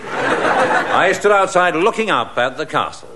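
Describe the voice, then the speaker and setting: A man playing an earnest adventurer who narrates in a mock-dramatic, deadpan radio comedy style. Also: fairly high pitch, unhurried, exaggerated voice. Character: earnest hero adventurer narrating his Gothic exploits.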